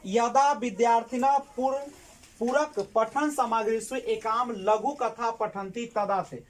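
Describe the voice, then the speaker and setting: A woman teacher works through exam questions for her class. Her voice sits slightly high, and she keeps asking the class questions, then answering them herself. She repeats key words as she explains. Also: steady tone, slow pace. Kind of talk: exam-prep lesson explaining Sanskrit pedagogy questions.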